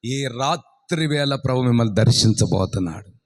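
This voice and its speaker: A man preaching a fervent sermon as pastor, swinging between loud shouted exhortation and low storytelling, urging the congregation to say amen aloud. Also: animated, normal speed.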